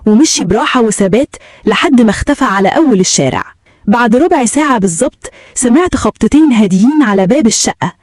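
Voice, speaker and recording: A woman's voice: a little high, dark tone, no echo, clean studio sound. A woman with an Egyptian accent narrating a dramatic first-person story in a tense, urgent manner.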